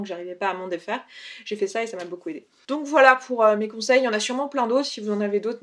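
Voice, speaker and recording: A young woman from France giving casual advice in a vlog, chatty, with frequent fillers and self-corrections. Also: medium pitch. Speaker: YouTuber.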